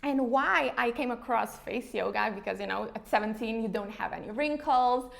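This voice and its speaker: A woman's voice: a little high, moderate pace, gravelly, a bit bright. Chatty woman in her thirties from Slovenia. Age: 30s. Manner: chatty, with frequent fillers like "you know" and "like". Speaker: interview guest, face yoga founder. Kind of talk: casual conversational interview.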